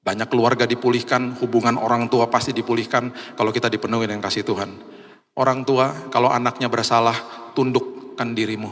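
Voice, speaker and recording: A man's voice: level tone, fairly quick, fairly bright tone. A man preaching a sermon as pastor, telling a story and acting out the people in it. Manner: storytelling, acts out quoted voices with big pitch jumps. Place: large church hall. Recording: long hall reverb.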